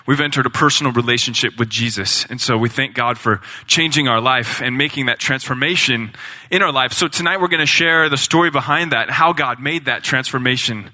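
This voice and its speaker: A man's voice: mid-range voice, brisk, pushed and bright. A man from a gospel band speaking earnestly from a church stage, quizzing the crowd, with many ums. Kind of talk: stage introduction to a church audience.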